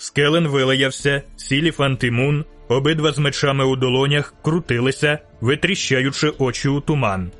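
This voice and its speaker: A man narrating an audiobook in a slow, deliberate storytelling manner. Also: medium pitch, steady tone, fairly bright tone, soft background music. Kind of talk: scripted narration.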